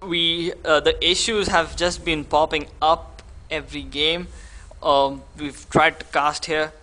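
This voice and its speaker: A man from India co-casts a live esports match in a bright, fairly high voice. He rambles in a loose, conversational way and often breaks off mid-sentence. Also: steady tone, slow pace. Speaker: guest esports caster.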